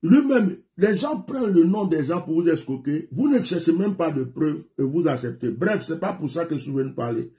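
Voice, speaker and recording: A pastor from Côte d'Ivoire talks live to his viewers and callers, animated and given to repeating himself. His voice sits a bit high for a man but has a warm, mellow tone. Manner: animated and repetitive, laughs often. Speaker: pastor hosting a live show. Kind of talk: live-stream talk with callers.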